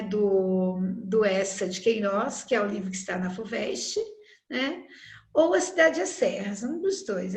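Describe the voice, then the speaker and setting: A woman with a Brazilian accent teaching a recorded online literature class, chatty and full of tag questions. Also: on the high side. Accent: Brazilian Portuguese. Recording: echoey room.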